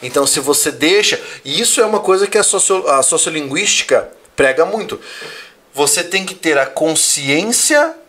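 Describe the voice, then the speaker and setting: Measured Brazilian-Portuguese man hosting. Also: fairly high pitch, very animated, pushed and bright. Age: adult, father of a young child. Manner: measured, explanatory, reads viewer comments. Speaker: Portuguese teacher, live show host. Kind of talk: casual live chat.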